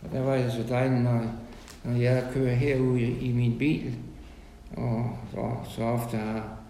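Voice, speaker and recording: A man giving an informal sermon to a small meeting, halting and repeating words, then rising to loud emphasis. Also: medium pitch, level tone, creaky, echoey room, in a large hall, slight background noise, low-quality recording. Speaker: lay preacher.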